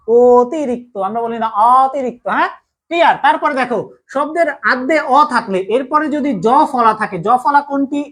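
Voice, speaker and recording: A man's voice: extremely high pitch, fairly bright tone. A young man with a Bangladeshi Bengali accent teaching an online grammar class, repeating each point and checking over and over whether everyone has understood. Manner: repetitive, drilling, keeps asking if all is clear.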